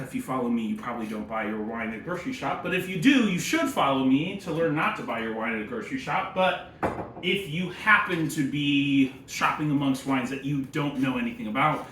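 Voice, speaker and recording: With a mid-range, slightly bright voice, a man gives casual wine-tasting commentary as a sommelier and presenter, wry, opinionated, and heavy on jargon. The room echoes, and there's faint background noise.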